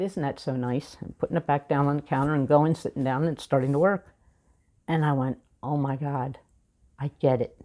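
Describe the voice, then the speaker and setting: A woman minister delivers a sermon in a low, mellow voice. She talks reflectively, weaving in a personal story and leaving measured pauses between her thoughts.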